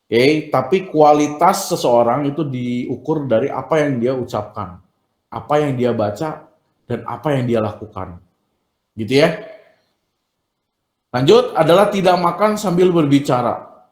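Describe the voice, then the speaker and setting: A man teaching an online class, chatty and animated, acting out polite phrases for his students. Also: mid-range voice, a little slow, pauses often, reverberant. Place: room at home or school, video meeting.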